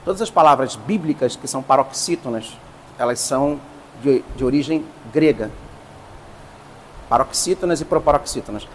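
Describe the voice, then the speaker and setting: A man, a priest, teaching a class, explaining slowly and stressing each term. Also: medium pitch, expressive, big-room sound, slight background noise. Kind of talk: lecture.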